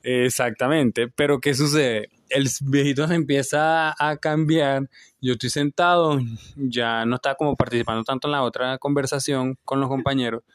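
A young man chats on a podcast, rambling through a story with plenty of fillers and restarts. His voice sits at an ordinary middle pitch. The recording is close and dry, with no room sound. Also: steady tone, moderate pace, clear, resonant tone, dry recording. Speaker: podcast co-host. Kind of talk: casual podcast chat.

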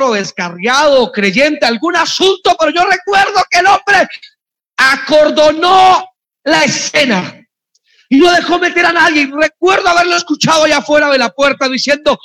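A man preaching a sermon, impassioned and often shouting as he tells stories. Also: extremely high pitch.

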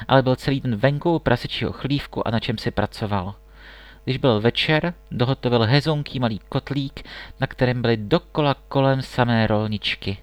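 A man narrating a classic fairy tale in a calm, steady storybook reading. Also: medium pitch, dry recording.

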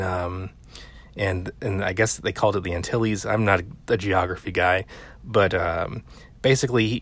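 A man's voice: fairly low pitch, no room sound. A man casually recapping a film in a rambling, chatty way, with lots of fillers and the odd curse word. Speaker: film commentator.

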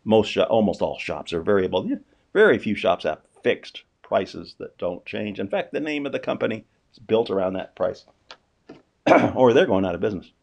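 A man's voice: fairly low pitch, lively intonation, moderate pace, creaky, a little mellow. A man giving a casual, unscripted economic commentary, asking rhetorical questions and often restarting his sentences. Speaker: finance commentator.

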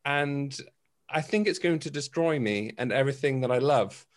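A man's voice: mid-range voice, normal speed. A man, chatting on a video call from his home office, chatty and self-mocking. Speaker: freelancer on a community call. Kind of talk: casual chat.

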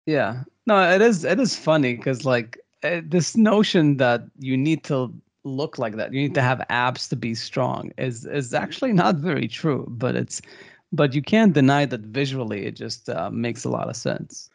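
A man's voice: medium pitch, expressive, moderate pace, vocal fry, dry recording, studio quality. A man co-hosting a podcast in casual chat, rambling with fillers and laughing often. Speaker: podcast co-host.

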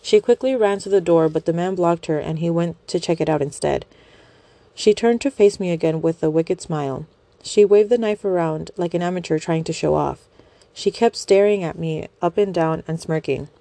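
A woman reading a first-person dramatic story in a measured, earnest way. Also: lowish voice, warm tone, no room sound.

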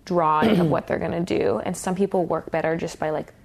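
Creaky-voiced young woman hosting a chat. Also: lowish voice, fairly even intonation, brisk, darkish tone. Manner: chatty, lots of "like" fillers. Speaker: podcast host. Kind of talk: casual interview chat.

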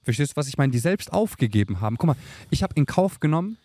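A man's voice: fairly high pitch, big pitch swings, quick pace, dark tone, no echo. A young man talking as a podcast guest in a casual, emphatic chat full of street slang, recorded outdoors at dusk. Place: outdoors on a tropical island at dusk.

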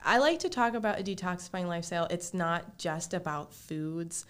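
Guest, woman, somewhat low voice, relaxed and talky, explains with everyday examples. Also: normal speed, smooth. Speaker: detox therapist guest. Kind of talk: casual interview chat.

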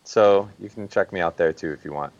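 A man's voice: low voice, a little fast, muffled recording, a little hiss or hum. A man speaking as a guest photojournalist on a podcast, plain and practical with some fillers. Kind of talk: casual podcast talk.

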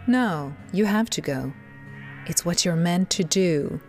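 A woman's voice: on the low side, expressive, takes it slowly, a little mellow. Woman doing bossy voice of god narrator for an audio drama, disembodied, coaxing, bit of music under it. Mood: commanding, exasperated. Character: disembodied female voice of God, commanding narrator of prophets.

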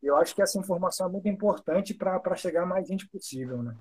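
A man hosting a live-stream interview, a psychology student who speaks gently and politely. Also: high-pitched, quick pace, slight background noise, low-quality recording. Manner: gentle, grateful, polite wrap-up.

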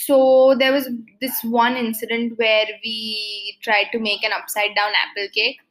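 A woman, chatting on a home podcast with a bright, forceful voice that sits a little high. She rambles through stories and giggles often. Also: flat delivery, a little slow. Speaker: podcast co-host. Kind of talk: casual chat.

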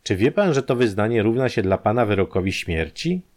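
A man's voice: lowish voice, big pitch swings, a little mellow. A man reading as a level-headed detective. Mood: matter-of-fact. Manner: businesslike, measured questioning. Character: calm, matter-of-fact male detective.

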